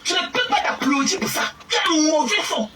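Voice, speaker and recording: Shrill woman ranting from far off. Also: lively intonation, brisk. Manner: scolding, shouting, stammering repeats. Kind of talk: angry mocking rant. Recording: distant mic with loud background noise.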